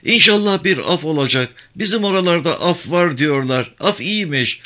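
A man's voice: fairly high pitch, expressive, normal speed, pushed and bright, voice pushed up. A man reading aloud, voicing a worn-out, tearful old village mother with a plaintive lament. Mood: pleading.

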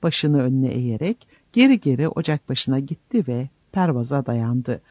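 A man's voice: medium pitch, animated, normal speed, a little mellow, no echo, muffled recording. A man narrating an audiobook with dramatic storytelling. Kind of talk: audiobook reading.

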